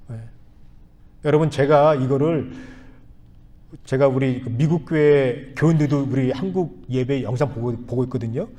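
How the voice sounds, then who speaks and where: Man in his fifties preaching in a reverberant church. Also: mid-range voice. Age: 50s. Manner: storytelling with soft asides and earnest appeals. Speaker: pastor. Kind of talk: sermon. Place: church sanctuary.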